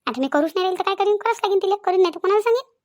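A proud, sharp-tongued older village woman, as a woman puts her on for a cartoon. She speaks in a high, quick patter. She scolds and boasts without pausing. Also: animated. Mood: boastful. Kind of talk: cartoon voice acting.

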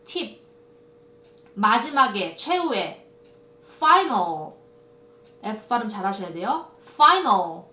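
Woman vocab teacher, slow and drilling, bright voice, roomy off-mic sound. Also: mid-range voice, big pitch swings, recorded from a distance. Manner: repeats words in drills, explains pronunciation. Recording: echoey room, off-mic.

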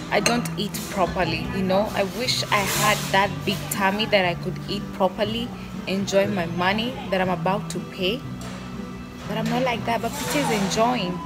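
Young woman, casual vlog chat, repetitive and talkative, phone at arm's length, loud music behind. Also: mid-range voice. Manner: chatty, repeats words for emphasis. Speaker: vlogger. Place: large empty restaurant indoors. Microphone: phone camera held at arm's length. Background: loud background music.

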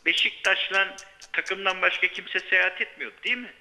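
A man's voice: high voice, normal speed, pushed and bright. A man calling in by phone to a live broadcast as a sports writer gives heated, insistent commentary, listing figures and asking pointed questions. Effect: phone line into a live broadcast. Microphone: telephone. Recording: muffled phone-line audio.

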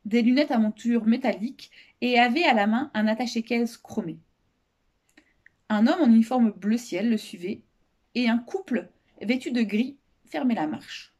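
Expressive woman reading a story aloud. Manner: expressive, raises pitch for shouted quotes. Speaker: storyteller reading a children's novel. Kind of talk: read-aloud storytelling with character voices.

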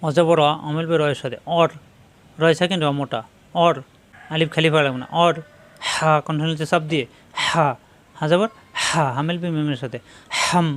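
A man teaching Quran recitation in Bengali, spelling out each syllable step by step and drawing out words slowly when he models them. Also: fairly high pitch, a bit bright. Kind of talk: step-by-step spelling and pronunciation lesson.

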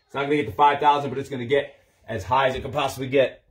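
A man's voice: medium pitch, level tone, rapid-fire. A man, a personal trainer, chatting casually to a livestream while doing push-ups, tired from long physical exertion. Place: small carpeted home office, indoors. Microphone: phone on a stand a step or two away.

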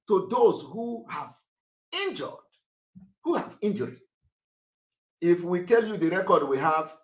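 A man's voice: fairly high pitch, fairly bright tone, echoey room. A Nigerian man hosting a political livestream, hammering home key words over and over. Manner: emphatic and repetitive, heavy stress on key words. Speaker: livestream host.

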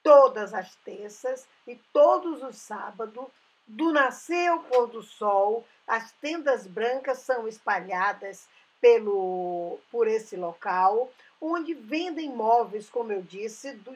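A woman's voice: on the high side, expressive, slow pace, breathy edge. A woman narrating a voice-over for her travel channel, going through dates and history carefully, with small restarts.

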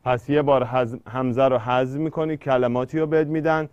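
A man's voice: mid-range voice, flat delivery, a little mellow, lo-fi sound, a little hiss or hum. A man teaching an exam-prep poetry lesson, explaining step by step and drawing out syllables when he scans verse.

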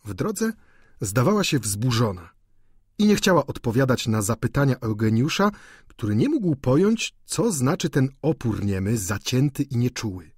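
A man narrating a classic novel as an audiobook in an expressive, measured storytelling manner. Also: medium pitch, slightly rough, no room sound, clean studio sound. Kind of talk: scripted literary narration. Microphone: studio microphone, close.

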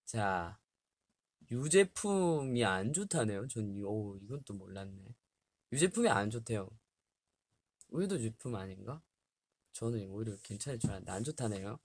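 He's a young man in his twenties livestreaming from a small bare room, chatting casually with fans while reading health tips and laughing often. His voice sits on the low side, expressive at normal speed, with frequent pauses. He's recorded by a webcam at desk distance.

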